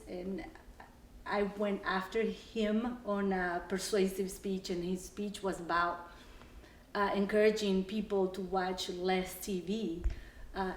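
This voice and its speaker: Woman from el salvador, forties, native spanish speaker, hesitant and full of fillers, echoey rooms, faint hum behind. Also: medium pitch. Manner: hesitant, many fillers and restarts. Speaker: interviewee. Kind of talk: casual personal storytelling. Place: her house, walking from room to room. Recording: echoey room, faint ambience.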